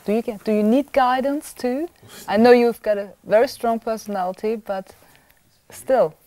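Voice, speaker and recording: A woman's voice: on the high side, steady tone, moderate pace, warm tone, dry recording. A woman interviewing a guest, probing with follow-up questions and summing up his answers.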